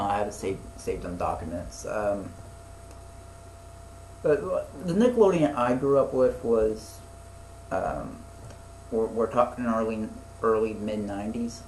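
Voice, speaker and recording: A man's voice: fairly low pitch, darkish tone. A man in his twenties chatting casually as a podcast co-host, rambling and a bit profane, with many fillers. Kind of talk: casual chat. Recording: echoey room with faint noise.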